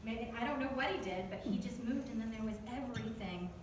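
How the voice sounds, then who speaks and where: A woman with a Southern US accent speaks fast in a high-leaning voice, delivering a playful, conversational devotional talk to a church group and asking them questions. She is far from the mic in an echoey church hall, and the recording is noisy.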